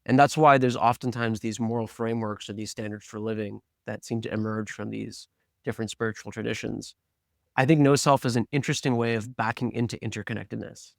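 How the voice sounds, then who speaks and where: A man co-hosting a podcast, speaking in a measured, thoughtful and articulate way. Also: fairly low pitch, vocal fry, no echo, clean studio sound. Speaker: podcast co-host. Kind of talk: casual podcast conversation.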